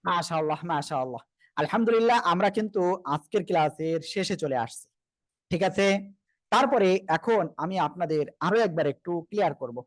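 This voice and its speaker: A man's voice: sits high, animated, no echo. Patient man teaching Quran reading. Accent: Bangladeshi Bengali. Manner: patient, repeats letters slowly and asks students to repeat. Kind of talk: live online Quran reading class.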